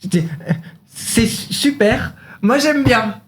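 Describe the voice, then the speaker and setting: High, slow, childlike tongue-tied guest. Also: male voice, a little hiss or hum. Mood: eager, confused. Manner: stammering, groping for words. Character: childlike, tongue-tied, eager male talk show guest. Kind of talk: comedy sketch character voice.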